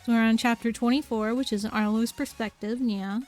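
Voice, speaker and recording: A woman's voice: on the high side, steady tone, brisk, soft background music. A young woman streamer reading a novel aloud, tacking "yeah" onto nearly every sentence with giggly asides.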